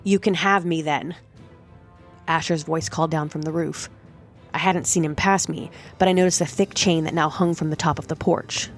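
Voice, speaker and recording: Woman narrator, low voice, steady dramatic storytelling, faint music. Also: fairly quick. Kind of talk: first-person audiobook narration.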